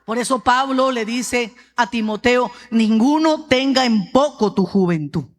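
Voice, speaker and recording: A woman pastor with a Peruvian accent, giving a sermon with personal testimony in a lively storytelling way and often addressing the congregation as brother. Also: fairly high pitch, measured pace. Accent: Peruvian Spanish. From Peru. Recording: long hall reverb.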